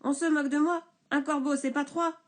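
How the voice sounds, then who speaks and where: A woman voicing a big blustering male woodcutter in a storybook reading, shouting in indignant outbursts. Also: high-pitched, moderate pace, close to an everyday voice. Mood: threatening.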